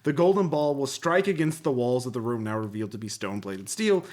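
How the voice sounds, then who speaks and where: A man hosts a casual tabletop gaming podcast, alternating between reading rulebook passages aloud and talking conversationally. His mid-range voice is animated and brisk, with a darkish tone.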